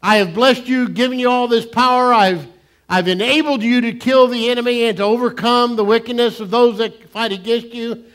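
An older man preaching, acting out God as a stern, exasperated figure who scolds a prophet in a loud, high, shouted voice. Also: moderate pace. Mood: scolding.

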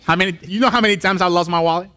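Racing along in a high-pitched, bright and forceful voice, a pastor from Colombia in his thirties delivers a sermon from a wood-walled church stage. He tells his story with animation, acting out the voices.

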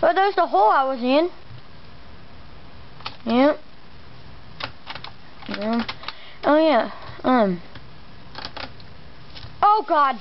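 A high-pitched voice gives casual game commentary at a slow, halting pace, with mild swearing and muttered exclamations. The recording is dull and lo-fi, picked up by a camera aimed at a screen, with some noise behind it. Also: lively intonation. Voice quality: imprecise R sounds. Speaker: let's play host. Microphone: camera pointed at a monitor. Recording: muffled lo-fi mic, noisy background.

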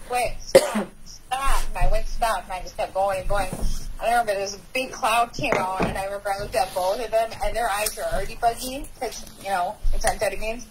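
A woman's voice: medium pitch, fairly even intonation, quick pace, background noise. A woman in her forties from North Dakota, a guest candidly telling her personal recovery story in a conversational way. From North Dakota, USA.

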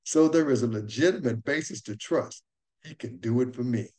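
A man's voice: mid-range voice, moderate pace, darkish tone. Man teaching a Bible lesson.

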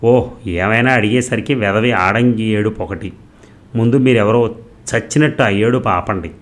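A man voicing a selfish, nagging young wife who scolds loudly and complains. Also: steady tone, fairly quick, natural voice. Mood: shouting. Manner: loud, shrill and complaining.

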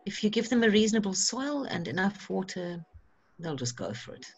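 A woman's voice: mid-range voice, sing-song, fairly quick, slightly rough. A woman leading an online workshop, encouraging and practical in tone. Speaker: workshop facilitator. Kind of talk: guiding an online seed-saving workshop.

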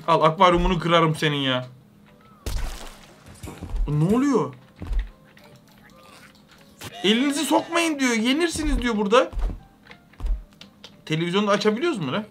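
Young guy yelling and joking through a game, super high voice, bouncing pitch. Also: unhurried, pauses often. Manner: excitable, loud exclamations, swinging pitch. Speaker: gaming YouTuber. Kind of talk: comedic game commentary.

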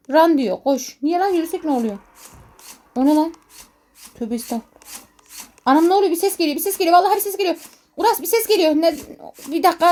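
High-voiced woman narrating a spooky game. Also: darkish tone. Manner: jumpy, talks to herself, laughs often, shrieks when scared. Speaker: gaming video host. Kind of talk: excited gameplay commentary.

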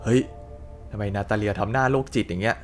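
A man's voice: lowish voice, quick pace, soft background music. A man hosting a gaming channel who gives chatty let's play commentary and exclaims at the action.

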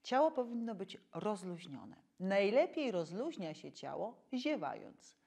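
A woman actress leading diction and voice warm-up exercises, speaking slowly and articulating every syllable with care. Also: mid-range voice, big pitch swings. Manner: slow, clearly articulated instructions, loud drilled syllables.

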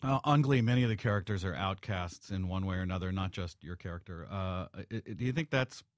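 A man with a fairly low voice hosts a radio interview. He asks his questions hesitantly and stumbles over his words. The recording is dry and close. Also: fairly quick, no echo. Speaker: radio host.

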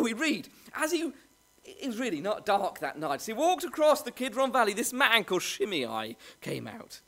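A man preaching an all-age sermon in a church, telling a story with animated questions for the children. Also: high-pitched.

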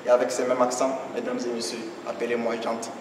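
A man's voice: medium pitch, monotone, quick pace, heavy background noise. A young man from Niger with a Nigerien French accent, performing slam poetry in a rhythmic, declamatory cadence on stage. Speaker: slam poet. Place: stage at an evening show. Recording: echoey hall from far off.

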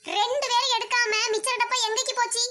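A woman's voice: very high-pitched, steady tone, fast talker, noisy background. A woman playing an exasperated mother who scolds with sarcastic threats, in a Kanniyakumari accent. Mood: scolding. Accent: Kanniyakumari Tamil. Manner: sharp, nagging, sarcastic threats. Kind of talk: comic sketch acting.

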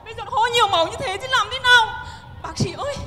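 A woman's voice: extremely high pitch, fast, sharp tone, some chatter behind, slight background noise. A woman playing a distraught mother-in-law who pleads and scolds, in an amateur stage drama. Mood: pleading. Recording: reverberant hall, faint music.

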